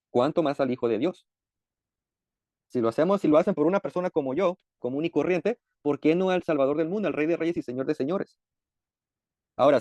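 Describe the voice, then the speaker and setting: A man teaching a sermon-style Bible lesson, explaining patiently frequent "eh" pauses. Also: fairly high pitch, warm tone, no echo.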